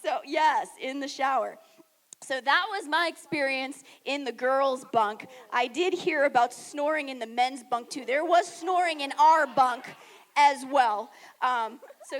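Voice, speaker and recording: A youth director telling funny stories on a panel, animated and laughing, acting out what others said. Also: female voice, high voice, measured pace. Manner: animated, laughing, acts out quotes. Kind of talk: casual storytelling on a panel.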